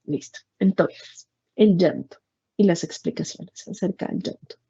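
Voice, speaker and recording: Woman, parenting workshop talk, calm and explanatory, gravelly, mellow tone, dull lo-fi sound. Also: on the low side, a little slow. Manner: calm, explanatory, addresses the moderator by name.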